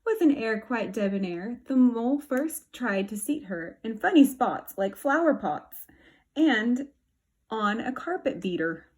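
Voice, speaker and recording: A woman reading a rhyming children's picture book aloud with a rhythmic, expressive delivery. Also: fairly high pitch, measured pace, husky.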